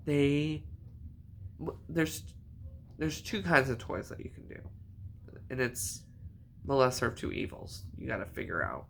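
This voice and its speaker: A man's voice: fairly high pitch, slight background noise. A man vlogging in a casual, rambling way about his knitting, often correcting himself as he goes. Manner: rambling, chatty, self-correcting. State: hiccups. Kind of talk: casual chat.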